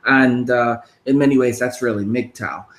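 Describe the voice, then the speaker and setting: A man's voice: mid-range voice, steady tone, unhurried, echoey room. A man in his thirties hosting a casual interview, rambling, with frequent restarts. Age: 30s. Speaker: podcast host.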